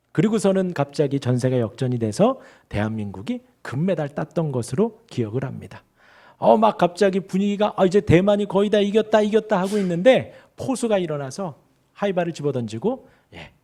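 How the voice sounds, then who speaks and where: A male pastor preaching an expository sermon in a church, asking his congregation questions and leading them in reading aloud. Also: high-pitched. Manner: animated, asks the congregation rhetorical questions. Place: church sanctuary.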